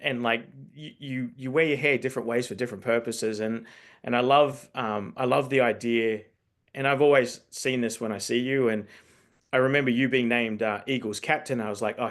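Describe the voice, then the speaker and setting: This New Zealand-raised host and coach developer runs a casual interview, musing aloud through long, circuitous questions and circling back to reword them. He speaks at a medium pitch with a fairly bright tone.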